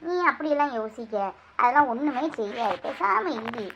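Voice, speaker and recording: A woman's voice: sits high, animated, moderate pace, vocal fry, fairly bright tone, slight background noise, voice pushed down, heavily acted. A woman voicing a young female cousin who reassures and consoles her crying relative. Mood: consoling. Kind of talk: amateur family skit. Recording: dull lo-fi recording.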